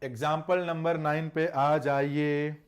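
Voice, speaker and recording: A man with a slightly higher voice leads a live online exam-prep lesson in English grammar. He keeps up a chatty patter with a scolding edge toward his students and slows right down to read out each example sentence. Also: flat delivery. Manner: reads English sentences slowly. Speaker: English teacher.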